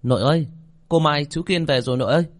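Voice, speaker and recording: A fretful teenage boy stammers his words out, as a male narrator voices him. The voice is pitched a little above the narrator's own and sounds shaky. It is a spoken storybook. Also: fast talker, no room sound, clean studio sound, close to an everyday voice. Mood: excited. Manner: stammering, tearful. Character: anxious fifteen-year-old boy, whimpering.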